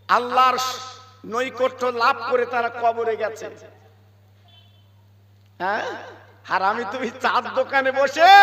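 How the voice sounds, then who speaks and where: A man preaching a fervent sermon, swinging between loud singsong cries and low asides and asking the crowd questions. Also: long reverb tail. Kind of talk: Bengali waaz sermon.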